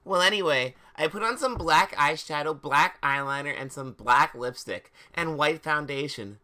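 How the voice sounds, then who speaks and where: A man whose voice sits on the high side, pushed and bright, reads fan fiction aloud at a moderate pace as a livestream host. His dramatic reading is theatrical, mocking the text with incredulous, exaggerated asides and emphasis.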